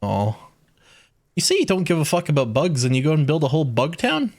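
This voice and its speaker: A man's voice: fairly high pitch, wildly swooping pitch, a little fast, darkish tone. A man giving casual, profane, joking commentary while streaming a game.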